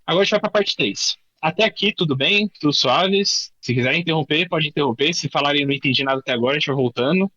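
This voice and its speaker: Bright-voiced Brazilian man teaching a workshop. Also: a little high, no echo, muffled recording. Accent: Brazilian Portuguese. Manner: informal, many restarts, thinking aloud while demoing; says he tends to talk fast. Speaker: workshop instructor. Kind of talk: live coding workshop explanation.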